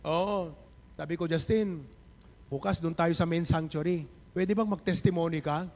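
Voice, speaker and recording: Man, pastor, sermon, high voice, long reverb of a church hall. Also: normal speed. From Philippines. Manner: animated, calling out members of the congregation. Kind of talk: sermon to a congregation. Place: church sanctuary.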